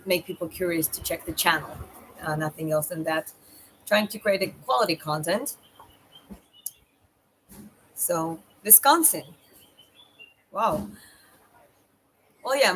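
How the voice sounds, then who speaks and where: A woman with a Georgian accent chats casually as a live streamer, thinking aloud in a halting way. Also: on the low side, fairly bright tone, low-quality recording. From Georgia (country). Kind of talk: casual livestream chat. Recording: clear background noise.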